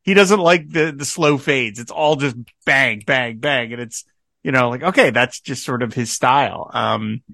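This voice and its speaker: Man, podcast host, casual rambling chat, mid pitch, dry close sound. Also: a little slow, gravelly, no echo. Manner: rambling, animated storytelling with many fillers.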